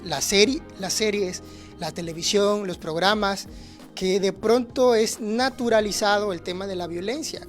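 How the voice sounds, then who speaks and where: A man, a teacher answering audience questions in a livestreamed talk, earnest and explanatory, often checking in with the listener. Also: high-pitched. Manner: earnest, explanatory, frequent "¿no?" tags and restarts. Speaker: teacher speaking on conflict resolution.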